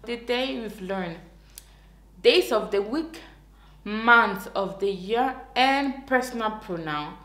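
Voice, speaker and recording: A woman's voice: medium pitch, lively intonation, takes it slowly, a bit bright, roomy sound. A woman teaching a beginner language lesson, carefully repeating each word.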